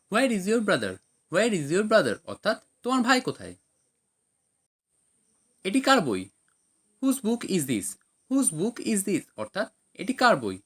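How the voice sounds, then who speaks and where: Woman teaching translation with lively pitch. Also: husky. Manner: reads each sentence in Bengali, then English, then explains. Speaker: language teacher. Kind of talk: scripted translation lesson.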